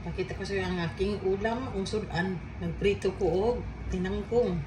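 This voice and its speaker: A woman's voice: medium pitch, normal speed. A woman from the Philippines with a Filipino accent, chatting casually as she eats with her mouth full, like an eating show host. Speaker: vlogger showing a meal. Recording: echoey room, clearly noisy background.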